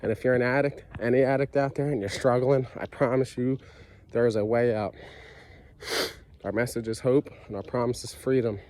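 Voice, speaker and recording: A man with a mid-range, darkish voice speaks at a moderate pace with fairly even intonation. He's a vlogger with a cold and a stuffy nose, earnestly sharing his recovery story in a casual personal monologue packed with fillers and repeated phrases.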